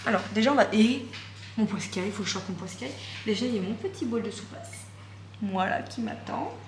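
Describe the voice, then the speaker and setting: A woman's voice: mid-range voice, fairly quick. A young woman chatting casually in a vlog at home, enthusiastic and rambling with many fillers and repetitions. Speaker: vlogger. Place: at home, indoors. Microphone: phone or camera close by. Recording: echoey room with background noise.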